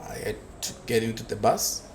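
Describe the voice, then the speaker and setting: As a guest in an interview, a South African construction business founder recounts his story in a fairly low, animated voice. He hesitates frequently, using many fillers and repeating words while searching for what to say, and a faint background hiss is audible.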